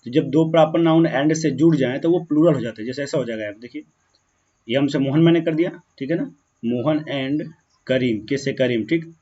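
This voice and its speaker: A man teaching a grammar lesson, slowing down as he writes words out and often checking that students follow. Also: medium pitch, dark tone. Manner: keeps checking in with "ठीक है ना" and "clear है"; slow, drawn-out when writing words. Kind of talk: grammar lesson explaining on a board. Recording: dull, muffled lo-fi sound.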